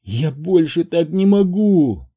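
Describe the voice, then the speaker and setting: A man's voice: fairly high pitch, sing-song, slow, dark tone, dull audio, pitched above the performer's own voice, full character voice. A man voicing a terrified young wife who sobs and pleads desperately, for an audiobook. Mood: desperate sobbing. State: sobbing. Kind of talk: audiobook reading.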